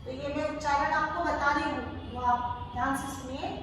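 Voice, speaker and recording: A woman teacher giving a phonics lesson, spelling English words letter by letter and repeating them slowly. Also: sits high, steady tone, fairly bright tone. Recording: echoey room, far from mic, faint noise.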